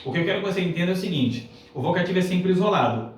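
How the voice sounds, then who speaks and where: Upbeat Brazilian teacher in an echoey classroom. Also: male voice, high voice, expressive. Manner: upbeat, explanatory, slows to stress examples, checks in with the class often. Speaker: Portuguese teacher. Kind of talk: classroom grammar lesson. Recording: echoey room, distant mic, faint hiss.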